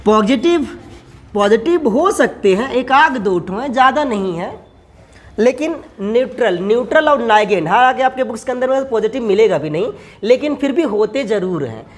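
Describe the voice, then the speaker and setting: A man's voice: very high voice, animated, moderate pace. A male chemistry teacher lecturing while he writes on a board. He keeps asking the class questions and answering them himself, and talks to his students in a familiar way, calling them son and brother.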